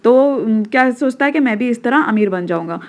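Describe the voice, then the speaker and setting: Indian woman, school teacher, slightly high voice, patient classroom explainer, mixes Hindi and English. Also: animated, fairly quick. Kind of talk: explaining a textbook lesson.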